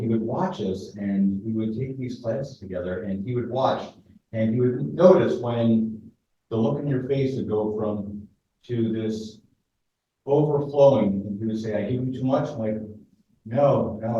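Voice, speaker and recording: A man's voice: lowish voice, warm tone. A middle-aged man with a New Jersey accent, a martial arts teacher telling a memorial tribute in an anecdotal, self-deprecating way. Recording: echoey, distant, muffled with faint noise.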